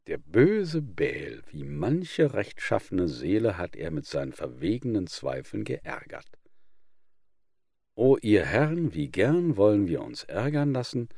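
A man reading old fables aloud in a measured, expressive narration. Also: fairly low pitch, creaky, slightly rough, no room sound, studio quality. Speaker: audiobook reader.

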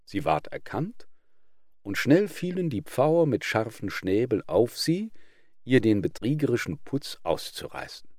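Male audiobook narrator for fables, slow, expressive, dry close sound. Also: medium pitch, no room sound. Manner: measured, expressive reading. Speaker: audiobook reader.

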